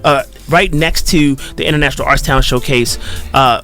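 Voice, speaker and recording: A man's voice: fairly high pitch, brisk, pushed and bright, soft background music. A man speaking as a guest in an interview, joking and playful while he talks about talent and casting. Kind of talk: casual interview talk.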